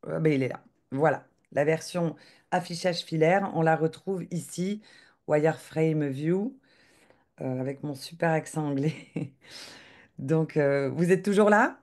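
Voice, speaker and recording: A woman giving a live software demo on a video call, talking hesitantly with lots of filler sounds and restarts. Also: sits low, measured pace.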